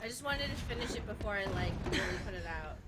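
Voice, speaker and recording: A woman's voice: medium pitch, lively intonation, fast. A woman streaming a game, chatting casually in a slangy, joking way and swearing freely. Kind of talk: casual live-stream gameplay chat. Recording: game sound noisy behind voice.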